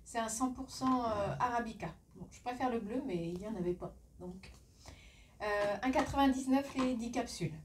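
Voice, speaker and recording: A woman's voice: a little high, normal speed, recorded from a distance. French lady rambling about her haul on her phone, lots of euhs, sits back from the mic with light hiss. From France. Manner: chatty, laughs often, filler-heavy. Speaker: vlogger. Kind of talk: casual shopping haul chat.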